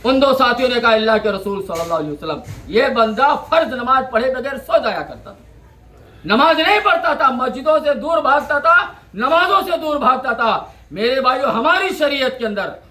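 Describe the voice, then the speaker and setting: Guy giving friday sermon, quite high voice, echoey mosque hall. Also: expressive, moderate pace, sharp tone. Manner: rhythmic, repeats phrases, quotes Arabic verses. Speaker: preacher.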